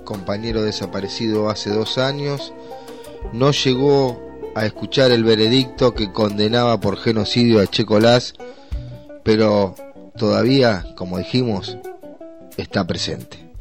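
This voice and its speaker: Male reporter, scripted news narration, low voice, measured, faint guitar behind. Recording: voice-over with guitar music behind.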